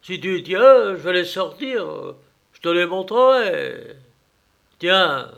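A man's voice: high voice, big pitch swings, takes it slowly, creaky, fairly bright tone, voice pushed up, heavily acted. A man voicing a cowardly land surveyor in a storybook reading, blustering and fretful. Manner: anxious, fretful muttering.

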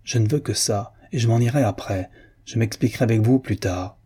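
A man reading aloud who voices a flustered, jealous baron speaking in halting, exasperated bursts. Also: on the low side, dark tone, breathy edge.

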